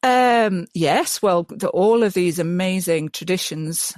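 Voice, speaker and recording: An enthusiastic Yorkshire woman with a fairly low, darkish voice speaks slowly and animatedly, full of ums and frequent restarts. She's a mud mason appearing as a guest in a casual interview chat. The sound is dry and close, with no room sound.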